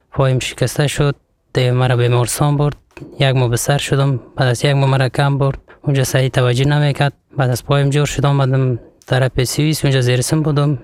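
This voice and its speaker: A young man from Afghanistan telling his own story in plain, halting sentences. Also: mid-range voice, a little mellow, no echo. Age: young adult. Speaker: interviewee. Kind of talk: personal account.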